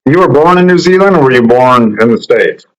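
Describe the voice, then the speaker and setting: A man hosting a wrestling podcast, asking questions in a brisk, joking way over a webcam video call. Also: medium pitch, lively intonation, low-quality recording. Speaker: podcast host. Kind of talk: interview questions.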